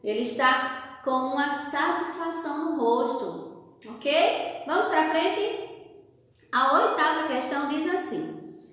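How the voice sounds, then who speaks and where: Speaking with a Brazilian Portuguese accent, a primary school teacher works through a worksheet correction in a remote class, posing questions and pausing patiently. Sound effects and whispered examples enliven it. The voice is high and slightly bright, echoing with long reverb.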